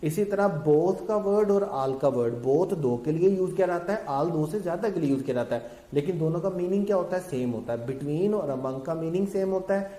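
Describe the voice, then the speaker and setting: A male grammar teacher, lecturing in a mellow, slightly high voice. He poses questions to his students and answers them himself, calling them children. The room around him is echoey. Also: expressive, normal speed, hardly any pauses. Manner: explains in a mix of Urdu-Hindi and English terms, asks and answers his own questions. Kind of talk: recorded classroom lecture.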